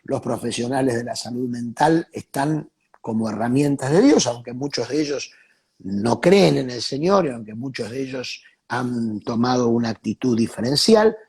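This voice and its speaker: A man speaks as a pastor guest in a reflective faith talk. His voice is breathy and a little husky, at a middle pitch. He preaches in measured phrases and repeats the key ones for emphasis. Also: darkish tone.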